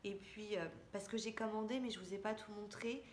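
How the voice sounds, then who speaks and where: A woman's voice: mid-range voice, steady tone, brisk. A woman in a casual, friendly beauty vlog, chatting straight to her viewers as she shows a makeup haul. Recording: echoey room with faint background hiss.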